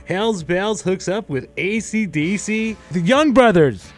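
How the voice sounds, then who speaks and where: A man hosting a casual radio interview from a studio, enthusiastic and quick to joke and exclaim. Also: high-pitched, animated, soft background music. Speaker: radio host.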